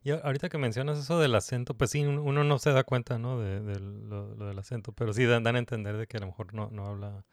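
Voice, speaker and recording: A man's voice: medium pitch, steady tone, fast, hardly any pauses, dry recording, clean studio sound. A man talking casually, hesitant, with many fillers and restarts as he asks questions. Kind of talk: casual conversation about a series.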